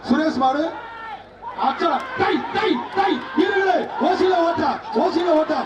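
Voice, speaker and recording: High shouting announcer over a loudspeaker. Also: male voice, a little slow. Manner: shouting, repeating short calls. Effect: through a loudspeaker system. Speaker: event announcer. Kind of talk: live shouted commentary. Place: outdoor bull-taming arena. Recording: echoey, distant, dull loudspeaker sound. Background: loud cheering crowd and noise.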